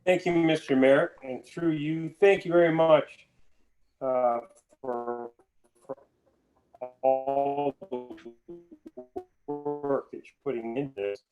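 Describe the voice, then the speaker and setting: Man, councilor, echo on remote call line, halting, repeats words, mid pitch. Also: steady tone, darkish tone, faint music behind. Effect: echo on his line. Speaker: city councilor. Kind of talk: remote council meeting remarks. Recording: echoing remote call audio.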